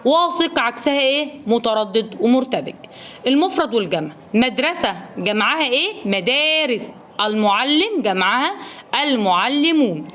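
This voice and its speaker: A primary school Arabic teacher with a high, fairly bright voice leads a recorded lesson for young pupils in an Egyptian accent. She poses questions to the children, answers them herself, and repeats the key words.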